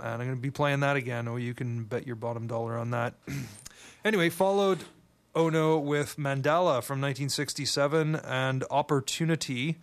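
Monotone radio host, a man. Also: medium pitch, gravelly. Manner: easygoing, chatty aside-filled delivery. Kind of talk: casual radio chat. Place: radio studio. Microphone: studio microphone.

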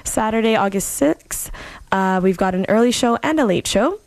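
A woman hosting a radio show casually, in an informal way with frequent hesitant pauses. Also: mid-range voice, lively intonation, dry recording. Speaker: radio host filling in on a music show. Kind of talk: casual radio show presenting and event listings.

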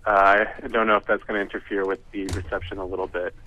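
A man's voice: deep voice, little pitch movement, fast. A man calling in as a guest over a breaking-up phone line, talking casually and hesitantly with many fillers. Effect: breaking-up phone connection. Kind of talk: casual chat. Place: large house, indoors.

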